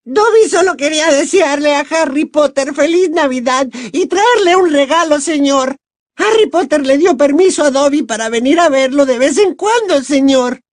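A man voicing a small, nervous, excitable male house-elf with a squeaky, shrill voice who speaks of himself in the third person. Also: moderate pace, no room sound, clean studio sound. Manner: refers to himself in third person, timid and eager.

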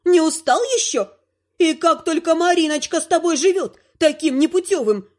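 Brief: woman reader doing a high-pitched, theatrical, scolding old grandma. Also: animated, normal speed, darkish tone. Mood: indignant scolding. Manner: indignant, lecturing, theatrical. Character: haughty scolding old grandmother, sharp-tongued.

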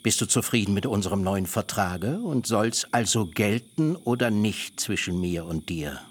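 In a literary radio drama, an actor plays a shrewd, stern old father haggling hard, his manner measured and lecturing. The male voice is fairly low with a breathy edge, and the mood is one of stern bargaining.

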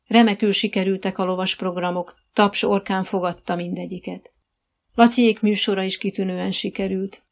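A woman narrating an audiobook in an even, measured storytelling manner. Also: medium pitch, creaky. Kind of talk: scripted narration.

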